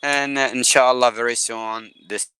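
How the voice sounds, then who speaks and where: A Yemeni man with a Yemeni Arabic accent joins a live video call as a guest photographer, speaking haltingly and repeating words. His medium-pitched voice is steady, pushed and bright, with a clean tone in a dry recording.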